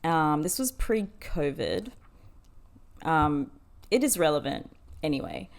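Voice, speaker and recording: A woman's voice: sits low, slow, vocal fry. A woman co-hosting a podcast, telling an anecdote in casual chat and acting out what people said. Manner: animated, acts out quotes. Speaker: podcast co-host.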